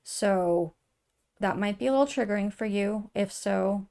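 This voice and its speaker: A woman giving an earnest, emotional tarot reading to her viewers, soft-spoken, with many fillers and restarts. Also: medium pitch, a little slow, creaky. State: tearful at times. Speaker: tarot reader. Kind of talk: intuitive tarot reading to camera.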